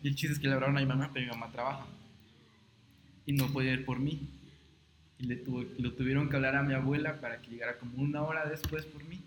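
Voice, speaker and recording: A young man telling a personal story in a casual podcast chat, rambling and halting, often repeating words. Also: medium pitch, steady tone. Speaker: podcast co-host. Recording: roomy echo, noisy background.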